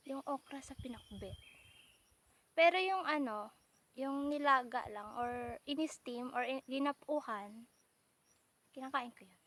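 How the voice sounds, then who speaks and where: A woman's voice: sits high, a little hiss or hum. A young woman chatting playfully in a casual outdoor vlog by rice fields, joking and teasing as she talks. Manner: chatty, playful, mixes Tagalog and English. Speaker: vlogger.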